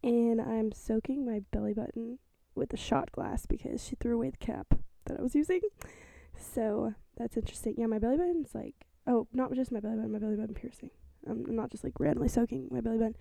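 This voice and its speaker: A woman in her twenties, rambling quietly and a little awkwardly in her bedroom for a solo podcast, using lots of filler words. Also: fairly high pitch, a little fast, gravelly, dry recording. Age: 20s. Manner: rambling and hesitant, heavy use of filler words; talking quietly and self-consciously. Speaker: podcast host. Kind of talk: casual solo podcast monologue. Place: her bedroom, sitting in bed. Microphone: small mic with a fluffy windscreen.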